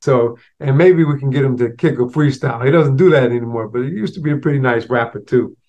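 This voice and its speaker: A fast-talking man hosts his own casual solo podcast in an even, mid-range voice, mixing business vocabulary with street slang. His slight stutter leads him to repeat and restart words, and the audio comes across somewhat dull.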